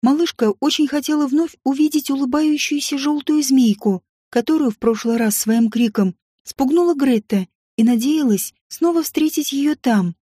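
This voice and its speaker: A woman narrating an audiobook story in a calm, even reading voice. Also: sits high, dry recording, studio quality.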